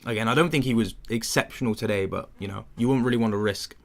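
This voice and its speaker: Chatting with viewers and answering their questions, a young man from England hosts a football watchalong, giving casual, rambling commentary full of fillers. His voice is on the low side, quick, and creaky.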